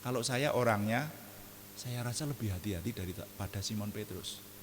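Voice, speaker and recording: A man preaching an evening prayer sermon, animated and jokey, often laughing at his own asides. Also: on the low side, moderate pace, in a large hall, slight background noise.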